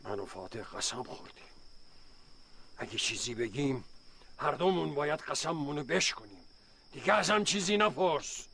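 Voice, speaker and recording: A man's voice: a little high, animated, gravelly, long pauses, bright, forceful tone, full character voice. A grave old village father. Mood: brooding. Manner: solemn, speaks in proverbs. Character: grave older village father, weary, secretive. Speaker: village elder and retired folk singer. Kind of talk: radio drama acting.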